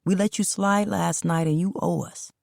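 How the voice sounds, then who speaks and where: A woman voicing a blunt, irritable young man who talks in fast street slang, in a storybook reading. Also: lowish voice, steady tone, vocal fry, a little mellow, no echo, clean studio sound. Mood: irritated.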